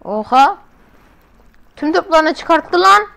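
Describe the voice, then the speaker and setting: A woman's voice: very high voice, expressive, takes it slowly, gravelly, pushed and bright. A woman doing casual, slangy reaction commentary as a video host, often exclaiming.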